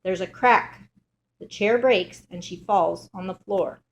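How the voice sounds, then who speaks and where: A woman reading a children's picture book aloud in a steady, clear manner. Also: mid-range voice, takes it slowly. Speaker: storybook reader.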